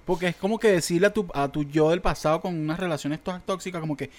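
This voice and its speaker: Fast-talking, swearing Venezuelan man. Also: fairly high pitch, crowd noise. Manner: profane, emphatic reactions and rants. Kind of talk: casual chat.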